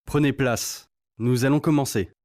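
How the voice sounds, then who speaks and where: A man's voice: medium pitch, steady tone, moderate pace, darkish tone, no echo, studio quality. A man reading answer options for a listening exam in a plain, neutral way. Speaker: exam item reader.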